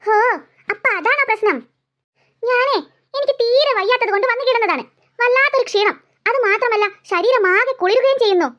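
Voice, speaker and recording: A sulky cartoon girl whines and complains. Her voice is very high, bright and sharp. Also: brisk, dull audio. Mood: whiny. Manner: whiny, sulky. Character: sulky, sly young girl feigning illness.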